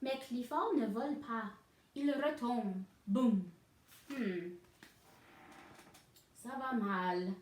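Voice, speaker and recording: Slow, high-voiced woman reading a storybook. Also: a little mellow, roomy sound, a little hiss or hum. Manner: pauses to explain the story. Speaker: reader. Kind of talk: reading a picture book aloud to children.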